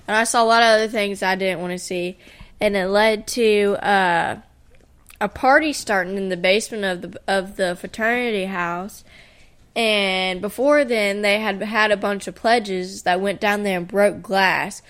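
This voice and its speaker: A woman's voice: medium pitch, fairly even intonation, unhurried, fairly bright tone, clean tone. Blunt, slangy young woman podcaster. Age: 20s. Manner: blunt, slangy, profane, acts out quotes. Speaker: podcast co-host. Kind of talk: casual anecdotal chat.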